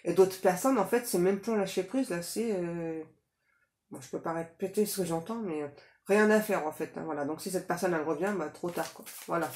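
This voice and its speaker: A woman's voice: on the low side, brisk, a little mellow. A woman giving a casual psychic reading to viewers, talking in a chatty way with many fillers and tag questions. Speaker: psychic reader. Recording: echoey room, faint noise.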